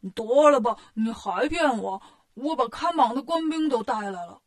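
A woman voicing a greedy, grumbling male pig monk in a storybook tale, with a whiny, indignant manner and a husky voice. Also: fairly high pitch, moderate pace, voice pushed down, natural voice.

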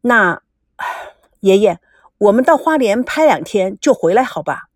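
A patient young grandson, read by a woman in her own voice, soft and coaxing. The reading is close and dry, with lively rises and falls in pitch. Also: unhurried, dry recording. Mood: pleading.

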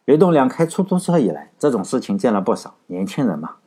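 A man narrating a story in a steady, matter-of-fact way with a husky voice. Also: medium pitch, fast talker.

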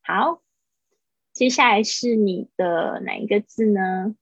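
A woman teaching English pronunciation on a livestream, explaining patiently and repeating words slowly for her students. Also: medium pitch, slightly rough, no room sound, lo-fi sound.

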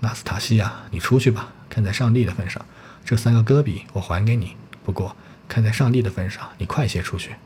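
A grim, curt young student, impoverished and irritable , as a male reader gives him his lines. The low voice is hardly changed from the narration, with a faint room hum behind it. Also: brisk, warm tone, natural voice. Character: poor, brooding young man student, irritable.

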